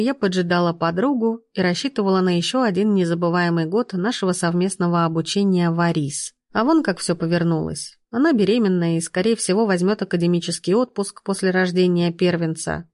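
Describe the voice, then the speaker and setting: A woman reading a first-person fantasy novel aloud, lively, lifting her voice for the characters. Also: fairly low pitch, brisk, few pauses, no echo, studio quality. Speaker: audiobook narrator.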